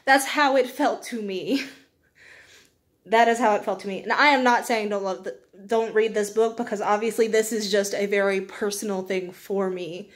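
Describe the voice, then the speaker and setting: Speaking at normal speed with a medium pitch and steady tone, a young book reviewer hosts a video. Her chat is casual and rambling, informal and self-deprecating, sprinkled with little laughs.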